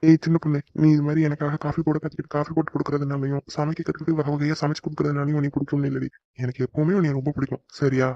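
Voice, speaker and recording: A man's voice: on the high side, steady tone, very fast, few pauses, dark tone, no echo, muffled recording. A man voicing an affectionate young husband in a cartoon who coaxes his wife in a tender way. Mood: tender, coaxing. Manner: tender, coaxing. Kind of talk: cartoon voice acting.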